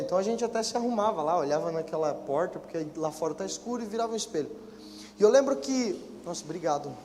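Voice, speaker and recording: High-voiced young Brazilian pastor preaching. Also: male voice, slight background noise. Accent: Brazilian Portuguese. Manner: preaches loudly at first, then tells a story in a quiet, intimate voice. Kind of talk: sermon. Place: church hall. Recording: church hall reverb, music behind. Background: soft music.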